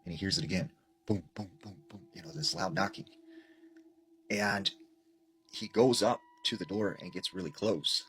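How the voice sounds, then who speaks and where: Low-voiced man telling a scary story. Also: moderate pace, pauses often, slight background noise. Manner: relaxed, rambling with many "like" fillers, dropping low and quiet for tense moments. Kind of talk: casual retelling of a scary story.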